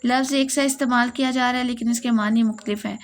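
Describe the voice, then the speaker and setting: Higher-pitched woman teaching step by step. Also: fairly even intonation. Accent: Pakistani Urdu. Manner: explains step by step, repeating key points. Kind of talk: Urdu poetics lesson.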